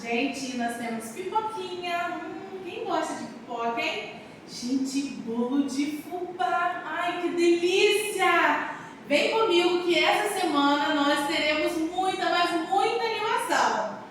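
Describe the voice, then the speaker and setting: Woman teacher, very high voice, talks slowly to young kids, heard from a distance. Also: slight background noise. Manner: animated, sing-song, speaking to young children. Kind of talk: children's lesson. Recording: very echoey room, far from the mic.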